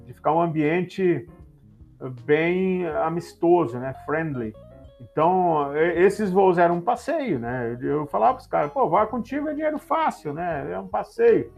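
A middle-aged man, a former airline pilot telling stories in a relaxed interview, using many tag questions. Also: a little high, gravelly. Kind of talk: casual interview chat.

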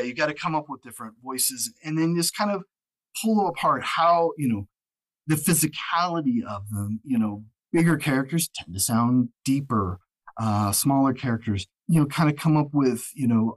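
A man's voice: mid-range voice, animated, moderate pace, poor audio. A man, an audiobook narrator, talking casually in an interview, rambling with many fillers and restarts and acting out quotes. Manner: acts out quotes and laughs often. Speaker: audiobook narrator, podcast guest.

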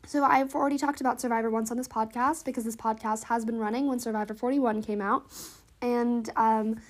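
A woman with a fairly high voice talks casually as a solo podcast host. She sounds congested in the nose and a little wheezy. Her delivery is chatty, informal and upbeat. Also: steady tone, a little fast. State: stuffy nose, slightly wheezy.

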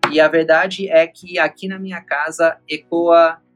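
A man from Mexico, a musician guest talking about his music from his home in a busy city centre, in a lively, self-deprecating way. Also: fairly high pitch, a little slow. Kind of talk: casual interview.

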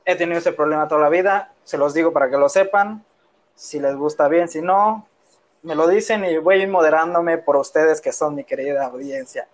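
A man's voice: on the high side, moderate pace. A man from Yucatán in Mexico with a Yucatecan accent, co-hosting a casual podcast in a playful, rambling way, recorded on a phone in his room. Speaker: podcast co-host. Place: his own room at home.

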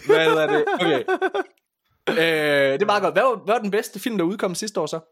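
Man, podcast host, fairly high-pitched voice, casual chat, opinionated, bantering. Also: expressive, fairly bright tone.

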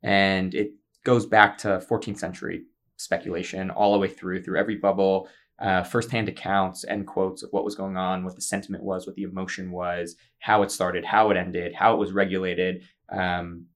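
Low-voiced man explaining eagerly. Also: level tone, moderate pace. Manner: enthusiastic explaining with frequent fillers. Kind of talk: casual podcast chat.

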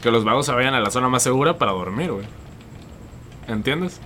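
A man's voice: medium pitch, animated, a little fast, pushed and bright, slight background noise. A man, co-hosting a casual podcast chat, chiming in with short slangy remarks. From Mexico. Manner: brief slangy interjections and backchannels. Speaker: podcast co-host.

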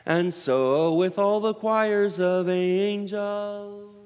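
A man leading a church service as priest, intoning the liturgy slowly in a long cathedral echo. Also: high-pitched, fairly even intonation, darkish tone, clear, resonant tone. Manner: slow, intoned chanting of liturgical lines. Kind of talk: chanted liturgy. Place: large church sanctuary. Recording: long reverb in a large church.

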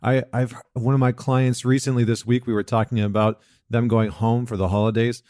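A man's voice: mid-range voice, flat delivery, moderate pace, a little mellow, no room sound, studio quality. A man hosting a solo talk show, speaking in a reflective, earnest way with fillers and restarts. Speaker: podcast host, men's coach. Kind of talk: casual solo talk with a read passage.

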